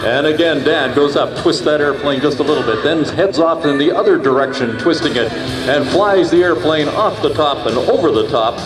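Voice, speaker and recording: A male airshow commentator calls the flying live, explaining each maneuver like an announcer. His fairly high voice comes echoing over a distant PA, with loud music behind it. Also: moderate pace.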